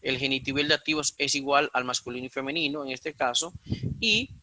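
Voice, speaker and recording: Bright-voiced Dominican man teaching Greek. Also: mid-range voice, steady tone, quick pace, no echo, rough recording. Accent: Dominican Spanish. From Dominican Republic. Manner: methodical, repeats points for emphasis; frequent fillers and self-corrections. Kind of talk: recorded class lecture.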